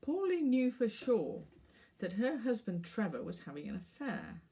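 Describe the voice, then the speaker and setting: A woman author reading her own short story aloud in a measured, wry manner. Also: a little high, big pitch swings, warm tone, husky.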